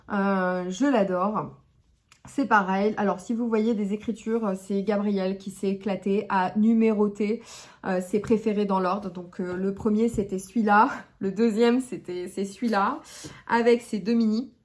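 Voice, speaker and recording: A woman talking casually straight to her camera at home as the host of a knitting podcast. She hesitates often and fills her pauses with small sounds. She corrects herself as she goes and now and then chuckles at herself. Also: medium pitch, a little mellow. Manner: hesitant, many fillers and self-corrections.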